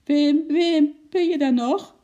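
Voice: medium pitch, big pitch swings, moderate pace, gravelly, warm tone, lo-fi sound, voice pushed up. A storyteller voicing a nervous, worried housewife in a children's story, pleading and anxious.

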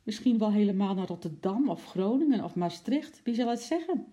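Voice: medium pitch, animated, a little fast, mellow, pitched above the performer's own voice, natural voice. A reader voicing a flustered, stout male zookeeper in a storybook reading, stammering and out of breath, then gloomy.

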